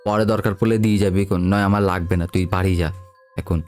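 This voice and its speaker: Gruff older shopkeeper uncle, put on by a male narrator, blunt and scolding, low-voiced, storytelling podcast, faint music underneath. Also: fairly even intonation, fast talker, natural voice. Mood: instructing. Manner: scolding, blunt, later gently instructing.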